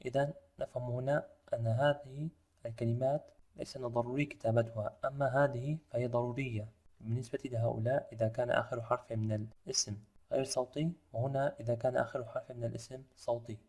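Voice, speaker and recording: A man of ordinary pitch gives a language lesson in a methodical, step-by-step way. He slows right down whenever he spells out an example phrase. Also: steady tone, a little mellow. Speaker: language teacher.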